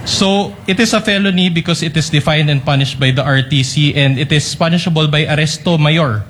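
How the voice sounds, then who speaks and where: A man's voice: on the high side, fairly quick, fairly bright tone, a little hiss or hum. A man, a lawyer in a courtroom recording, pressing a witness with leading questions. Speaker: lawyer cross-examining a witness. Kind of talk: courtroom cross-examination. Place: hearing room, courtroom recording.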